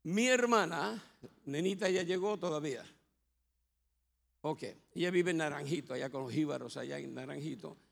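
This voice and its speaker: A man's voice: on the high side, moderate pace, gravelly. A man with a Puerto Rican accent, a pastor telling his life story as a sermon, with humor and acted quotes. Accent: Puerto Rican Spanish. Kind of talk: testimony sermon. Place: church sanctuary. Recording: long hall reverb.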